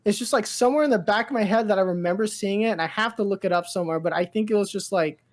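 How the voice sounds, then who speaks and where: A woman co-hosting a podcast chats casually about pop culture at a racing speed in a medium-pitched voice. She is enthusiastic and gushing, and she rambles, dropping "like" and "dude" constantly.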